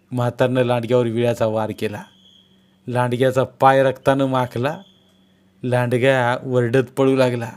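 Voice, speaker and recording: A man's voice: mid-range voice, a little mellow. A man reading a novel aloud as a storyteller, telling the story steadily and acting out the dialogue.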